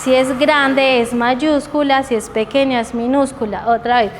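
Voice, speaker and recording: Woman trainer, stretched letter sounds, higher voice, long hall echo. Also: fairly even intonation. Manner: models letter sounds slowly, stretching them for teachers; asks the group check questions. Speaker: teacher trainer. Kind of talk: training workshop lecture. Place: training room. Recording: reverberant hall with faint background noise.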